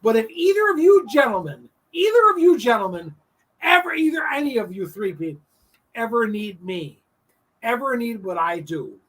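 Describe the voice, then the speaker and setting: A man in his late fifties hosts a casual online talk show, gushing with heartfelt thanks and circling back over his words. His voice is bright and swings widely in pitch. He sits a little away from the mic, so it sounds distant. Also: very animated, moderate pace. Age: 50s. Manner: effusive, heartfelt, repeats himself. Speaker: show host. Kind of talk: emotional casual chat.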